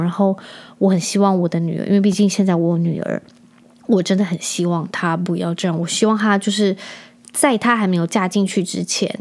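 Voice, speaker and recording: A woman's voice: on the low side, a little mellow. Chatty Taiwanese-accented woman podcaster. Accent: Taiwanese Mandarin. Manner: chatty, indignant, tosses in English words. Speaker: podcast host. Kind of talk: casual chat.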